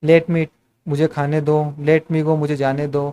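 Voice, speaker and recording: A man's voice: a little high, monotone, a little slow, mellow, clean tone. A man teaching spoken English in Hindi, asking the same questions again and again and calling his viewers friends.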